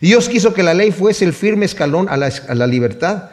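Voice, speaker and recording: Predicador de voz algo aguda. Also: male voice, sits high, moderate pace. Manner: expressive, storytelling preacher. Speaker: preacher. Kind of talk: sermon.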